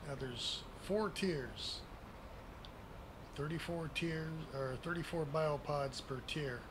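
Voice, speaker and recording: A grandpa-like man in his sixties giving a casual, unscripted game tour in a folksy, plain-spoken way at a desk microphone. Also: medium pitch. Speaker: gaming video creator giving a base tour. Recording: clearly noisy home recording.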